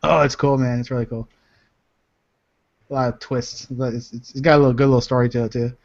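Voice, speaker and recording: A man's voice: mid-range voice, flat delivery, fairly quick, creaky, no room sound. Laid-back man around forty, dry lo-fi mic. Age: about 40. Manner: laid-back, slangy, chuckles often. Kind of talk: casual online group chat. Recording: dull lo-fi close online voice chat.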